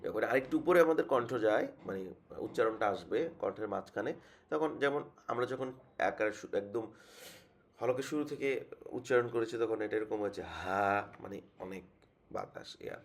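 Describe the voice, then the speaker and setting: A man's voice: lowish voice, normal speed, creaky. A man teaching a tajweed lesson, patiently repeating each sound many times as a demonstration. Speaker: Quran recitation teacher.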